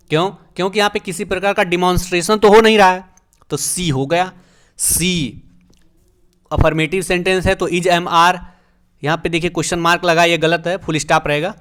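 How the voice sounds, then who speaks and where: A man's voice: sits high, normal speed, long pauses, fairly bright tone. A man, teaching English grammar as a teacher, explaining step by step and answering his own questions. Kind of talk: classroom lesson explaining grammar.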